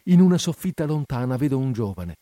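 A man voicing a generous, sorrowful male statue prince in a storybook reading, speaking softly and imploringly. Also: mid-range voice, sing-song, fairly quick, dry recording, clean studio sound, lightly acted.

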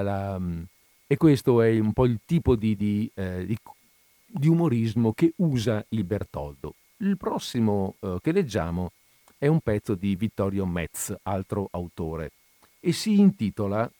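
A man reading humorous stories aloud, his pitch lively and animated. Between readings he thinks aloud and hesitates. The sound is dry and close. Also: no echo. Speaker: presenter reading humor pieces. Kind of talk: storytelling read-aloud with commentary.

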